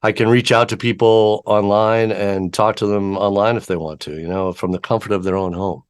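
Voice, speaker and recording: A man's voice: on the low side, steady tone, normal speed, clear, resonant tone. A man hosting a casual interview show over a video call from his home studio. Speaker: podcast host.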